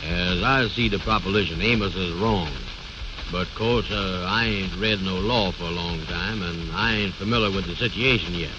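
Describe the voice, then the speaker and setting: A man's voice: low-pitched, normal speed, lightly acted. An actor playing a bossy, self-important man who blusters in folksy ungrammatical speech, in old radio comedy style. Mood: pompous. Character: pompous, bossy, know-it-all man bluffing his friend. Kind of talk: 1930s-40s radio comedy acting. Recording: muffled, noisy old radio recording.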